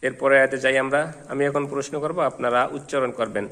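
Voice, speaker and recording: A Bengali-speaking man teaching Quran reading, spelling out letters and vowel marks, then slowly chanting whole verses. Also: medium pitch, steady tone, a bit bright. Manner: chants verses in a slow melodic recitation. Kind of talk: slow spelled-out recitation lesson.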